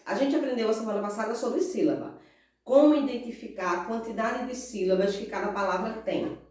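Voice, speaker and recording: A woman with a Brazilian Portuguese accent teaching a recorded class, slow and patient, stretching out stressed syllables and asking the pupils questions. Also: on the high side, darkish tone. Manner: asks pupils questions and answers in their voice. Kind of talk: recorded remote class lesson. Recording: roomy echo, far from mic.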